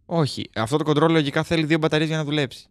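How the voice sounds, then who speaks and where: A man co-hosting a let's play video, talking in an animated, excitable and teasing way. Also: on the high side, no room sound. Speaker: gaming channel co-host. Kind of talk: casual let's play chat.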